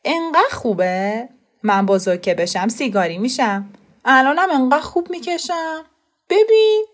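A woman voicing a bratty, boastful little boy who bosses others around in a taunting, shouty way. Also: high-pitched, sing-song, pitched above the performer's own voice. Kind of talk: audiobook character voice.

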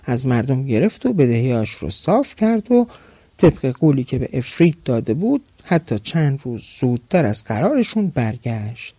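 Male storyteller, gravelly, dry close sound, measured narration. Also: medium pitch, mellow, no room sound.

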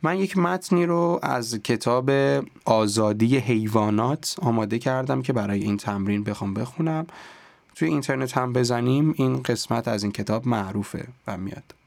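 A man teaching a podcast lesson on voice and speech, explaining calmly and sometimes dropping to a near-whisper to demonstrate. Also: medium pitch, gravelly, no room sound. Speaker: voice and speech coach.

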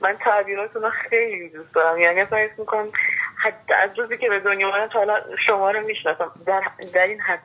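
A woman's voice: medium pitch, fairly even intonation, breathy edge. A young woman, a medical student, calling in and speaking in an admiring, hesitant way, searching for words. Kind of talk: phone conversation. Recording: tinny phone line.

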